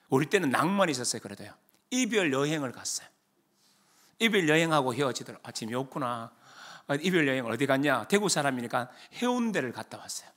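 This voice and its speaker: Lively, bright-voiced pastor. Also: male voice, on the high side. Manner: storytelling, acts out voices, swings from hushed to shouting. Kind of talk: sermon.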